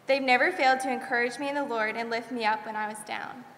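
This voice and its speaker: A woman's voice: fairly high pitch, steady tone, fast talker, a bit bright. A graduating senior girl in her late teens sincerely reading a devout farewell speech at a school chapel podium. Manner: sincere, devout thank-yous. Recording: echoey chapel with long reverb.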